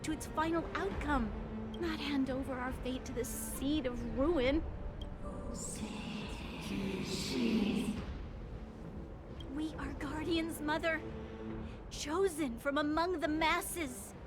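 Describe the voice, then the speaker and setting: A woman's voice: high-pitched, unhurried. A woman playing an earnest, defiant young noblewoman in a dramatic video game scene. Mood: solemn defiance. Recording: loud game music underneath. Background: dramatic game music.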